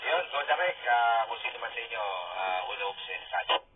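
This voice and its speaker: A man's voice: mid-range voice, expressive, a little fast, heavy background noise. A man on a two-way radio transmission, an amateur radio operator exchanging call signs and signal reports in a hesitant way, with many fillers. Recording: tinny radio line.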